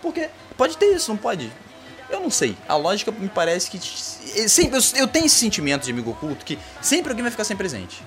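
A Brazilian Portuguese-accented man rants at speed in a comedy monologue, swearing freely as he goes. His pitch leaps around expressively and sits a bit high for a man. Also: fairly quick, faint music behind. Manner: profane, animated ranting. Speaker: comedy podcast host.

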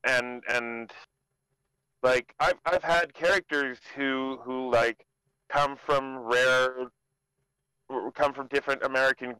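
Casting: mid-pitched man, joking podcast co-host, emphatic, dry close mic. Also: fairly even intonation, slow, pauses often, bright, forceful tone, smooth, no echo, rough recording. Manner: joking, emphatic, with mock-formal phrasing. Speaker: podcast co-host, dungeon master. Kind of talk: casual chat.

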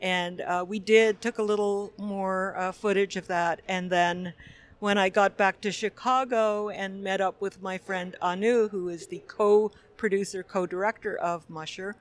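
Casting note: woman director from Quebec, mid-pitched voice, unhurried and thoughtful, pausing often with fillers. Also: fairly even intonation. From Quebec, Canada. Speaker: film director guest. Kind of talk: conversational interview. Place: film festival.

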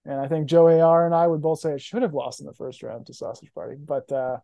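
A man's voice: on the high side, steady tone, fast, vocal fry, warm tone, no echo. A young man co-hosting a podcast, chatting casually and with feeling about movies. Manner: emotional, enthusiastic about films. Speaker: podcast co-host. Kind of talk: casual chat.

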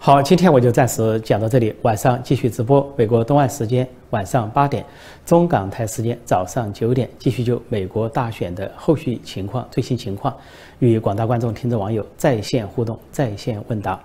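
A male commentator hosts his live-stream show and tells a joke in an animated storytelling way. His voice is mellow and somewhat husky. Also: mid-range voice, fairly quick. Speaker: political commentator host.

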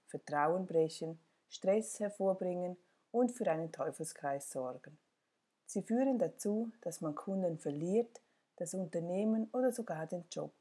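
A woman reading a self-help article aloud as scripted narration, in a calm, direct way that speaks straight to the listener. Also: on the low side, breathy edge.

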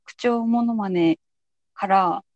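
A woman's voice: medium pitch, slow pace, darkish tone, no echo. A woman hosting a podcast in a casual, conversational interview style. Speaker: podcast host.

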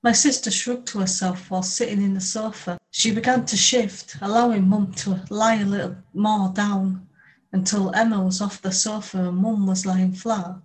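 A woman reading a first-person novel aloud in a steady, measured way. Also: mid-range voice, poor audio. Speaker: audiobook narrator. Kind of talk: scripted first-person audiobook narration.

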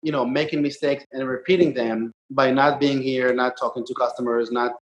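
A man's voice: mid-range voice, normal speed, reverberant, dull audio. A man from Israel in his thirties, a podcast guest talking casually with many ums and uhs. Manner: relaxed, frequent ums and uhs. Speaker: podcast guest, startup investor. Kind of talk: conversational interview.

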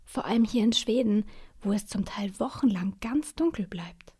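A woman's voice: medium pitch, moderate pace, slightly rough. A woman voicing a kindly, secretive little sandman who whispers in a bedtime story. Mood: gentle. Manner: hushed, whispering.

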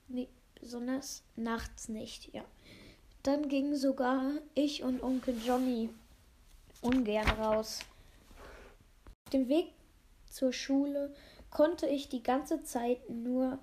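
Slow, mellow-voiced woman reading aloud. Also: high-pitched. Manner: unpolished, frequent slips and re-reads of phrases. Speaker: reader of a novel. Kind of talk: amateur audiobook reading.

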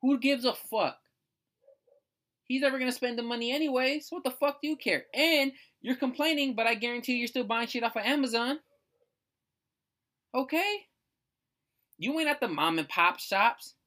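A woman's voice: sits high, normal speed, pauses often, fairly bright tone. A woman from the United States hosting a casual solo rant, blunt and profane, repeating herself for emphasis.

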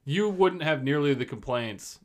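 A man hosting a podcast in casual chat, joking and sarcastic with quick asides. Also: on the high side, lively intonation. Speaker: podcast host.

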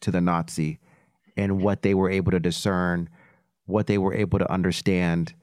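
A man in a casual podcast roundtable, speaking in a measured, reflective way. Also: low voice, level tone, a little mellow, no room sound, clean studio sound.

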